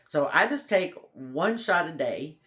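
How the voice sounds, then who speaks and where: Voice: mid-range voice, very animated, unhurried, a bit bright. A homestead vlogger in casual, rambling chat to camera, folksy and friendly in phrasing and often saying y'all.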